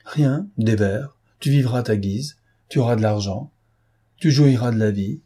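A man's voice: medium pitch, a little slow, warm tone, husky. A man reading an audiobook voices a proud, domineering noble master who speaks with emphatic irony. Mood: dismissive. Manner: emphatic, ironic, imperious.

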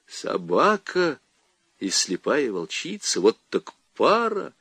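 Man reading as an excitable zoologist who keeps exclaiming, lively up-and-down voice, dry sound. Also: mid-range voice, a little slow, dry recording. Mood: excited. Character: excitable male zoologist, middle-aged, eager. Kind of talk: audiobook character reading.

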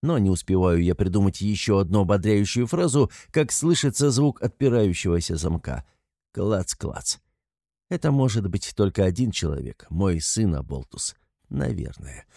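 Man, middle-aged, first-person audiobook narration, wry, dark warm tone, dry studio sound. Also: sits low, sing-song, moderate pace, gravelly, no echo. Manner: wry, teasing.

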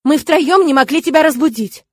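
A shrill, venomous nun who screeches her scolding, as a woman puts her on. Her voice sits high and sounds close and dry, with no room around it. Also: normal speed, no echo, natural voice. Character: shrill spiteful nun, woman, middle-aged.

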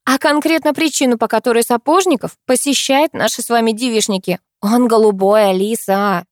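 A woman's voice: a little high, a little fast, no room sound, clean studio sound, pitched above the performer's own voice, close to an everyday voice. Woman doing a blunt, teasing girlfriend. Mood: grumbling.

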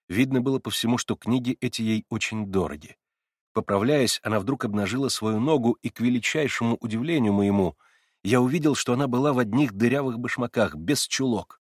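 A man narrating a classic novel in the first person, in a measured and earnest way. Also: fairly low pitch, no room sound, clean studio sound. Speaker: audiobook narrator. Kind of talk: literary audiobook reading.

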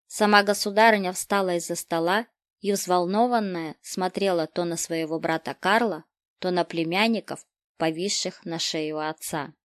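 A woman narrating a historical children's story aloud, expressive and lively, in a dry close recording. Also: fairly low pitch, moderate pace, no echo. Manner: expressive, animated dialogue reading. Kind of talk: storybook reading.

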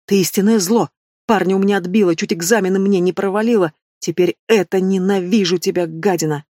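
A woman's voice: fairly even intonation, fairly quick, dark tone, no room sound, studio quality, lightly acted. A woman voicing a spiteful young female student who shrieks insults at her rival. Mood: furious. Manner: shrill, hissing insults.

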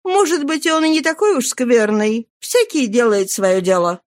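Woman voicing a coy, high young courtesan. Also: lively intonation, moderate pace, no echo, clean studio sound, lightly acted.

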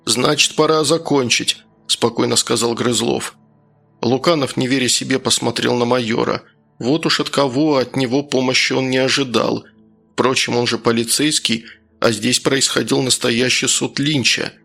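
Gravelly male audiobook narrator. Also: mid-range voice, level tone, normal speed, a bit bright. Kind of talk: scripted narration. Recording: audiobook with faint music.

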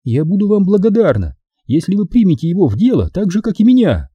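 A man's voice: high-pitched, big pitch swings, fast, husky, dry recording, lo-fi sound, voice pushed up, heavily acted. A man voicing a cooing, imperious film starlet. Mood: coaxing sweet. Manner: sweetly cooing, commanding. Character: glamorous female film star, coy and imperious.

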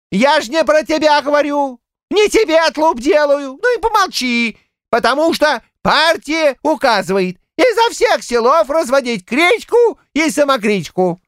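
A man voicing a quarrelsome old village man in a shrill falsetto, rambling and shouting in heated bursts. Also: animated, unhurried, no room sound, studio quality, full character voice. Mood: argumentative.

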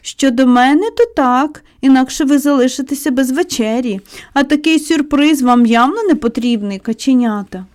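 A woman voicing a brisk, motherly woman who runs a boys' school, speaking in a teasing, gently instructive way. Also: high voice, lightly acted. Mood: playful.

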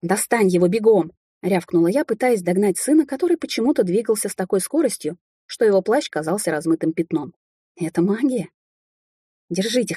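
A woman with a warm, mellow voice carrying a slight husk, narrating a fantasy novel in the first person. Her storytelling is lively and emotional, and the recording sounds dry and close. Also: fairly low pitch, slightly rough, no echo. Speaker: audiobook narrator.

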